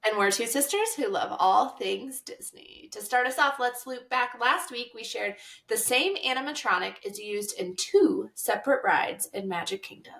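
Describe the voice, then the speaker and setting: A woman's voice: a little high, expressive, normal speed, creaky, hardly any pauses, fairly bright tone. A woman co-hosting a podcast in casual chat, upbeat and playful, leading the talk. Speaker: podcast co-host.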